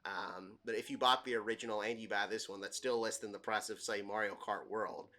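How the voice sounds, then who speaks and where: Bright-voiced rambling gaming commentator. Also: male voice, lowish voice, fairly even intonation, fairly quick. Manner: rambling, self-deprecating, many fillers. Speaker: gaming channel host. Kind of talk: let's play commentary.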